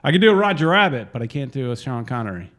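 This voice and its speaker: A man's voice: mid-range voice, rapid-fire. A middle-aged man co-hosting a casual soccer fan podcast, joking and telling stories. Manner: joking, animated storyteller. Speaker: co-host.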